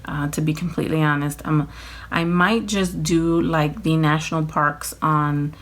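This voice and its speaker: A woman's voice: low-pitched, steady tone, a little slow. Tired, rambling woman vlogger. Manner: rambling, apologetic, many fillers, laughs often. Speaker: nail vlogger. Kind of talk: casual unboxing chat. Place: home.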